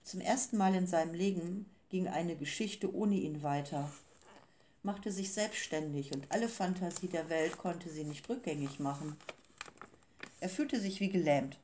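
A woman narrating an audiobook in a calm, even storytelling manner. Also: on the low side, a little slow, slight background noise. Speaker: audiobook reader. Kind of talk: scripted narration.

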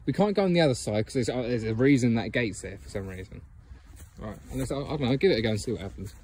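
A man's voice: medium pitch, lively intonation, fast talker, darkish tone, a little hiss or hum. A man filming a casual outdoor walk-and-talk vlog on a phone, rambling with many ums and chuckles. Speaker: geocaching vlogger. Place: outdoors by a fence and bushes.

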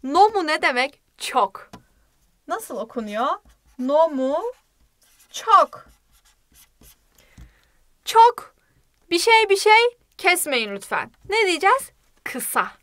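A woman teaching a language lesson in a playful manner, repeating words slowly for learners. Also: high-pitched, very animated, fairly bright tone.

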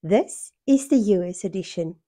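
A middle-aged South African woman with a hoarse voice worn by a cold, chatting casually in a home vlog. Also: mid-range voice, normal speed, darkish tone, dry recording, clean studio sound. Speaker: sewing vlogger. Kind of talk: casual vlog chat to camera. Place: small furnished room at home, indoors. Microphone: small microphone held near the mouth.

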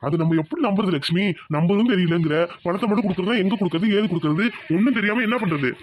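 A man's voice: high voice, fast talker, slight background noise, lightly acted. A man voicing a protective elder brother in a cartoon, firm and reassuring. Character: protective elder brother, village head of family. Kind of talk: cartoon voice acting.

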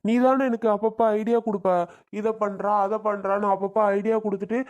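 A man's voice: sits high, flat delivery, brisk, a little mellow, dull audio, natural voice. A man playing an exasperated grown son in a family drama skit, answering bluntly.

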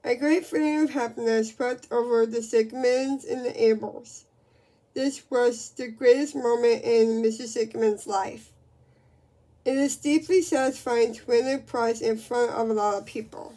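Woman reading a children's story aloud, slow, higher voice, stumbles and restarts. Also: warm tone.

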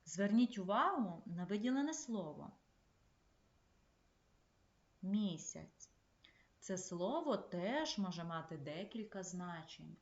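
A woman primary school teacher giving a remote lesson, speaking in clear, measured instructions to young pupils. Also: fairly low pitch, sing-song. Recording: echoey, slightly dull room recording.

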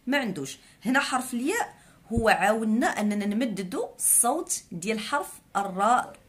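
A woman's voice: mid-range voice, fairly bright tone. A woman with a Moroccan Arabic accent guides learners through a lesson. Her voice rises and falls freely as she stretches sounds out and repeats each word with patience. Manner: patient, spells out sounds slowly and repeats words. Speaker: Arabic teacher. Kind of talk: explaining a lesson.

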